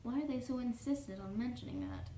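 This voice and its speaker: A prim, easily offended young troll, played by a woman, reads aloud in a formal, pedantic tone, stopping to correct and apologize. The voice is mellow and a bit dark. It is heard from a distance in an echoey room with faint background noise. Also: sits high, quick pace, gravelly. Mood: prim, fussy. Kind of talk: cosplay character reading fanfiction aloud. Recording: roomy echo, distant mic, faint noise.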